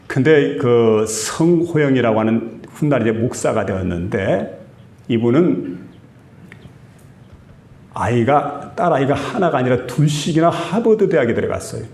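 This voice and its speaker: A pastor with a Gyeongsang Korean accent preaching a sermon in a church, telling stories and asking the congregation questions. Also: male voice, mid-range voice, vocal fry, darkish tone. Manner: storytelling with quoted voices, asks the congregation questions. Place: church sanctuary. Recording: echoey church room.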